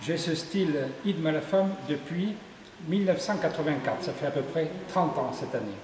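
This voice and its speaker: A middle-aged man from Ardèche in southern France discusses his sculpture in an interview, speaking at normal speed in a slightly high, slightly mellow voice full of lively intonation. The recording, made in an exhibition room at a tourist office, has a reverberant, echoing quality and faint background noise.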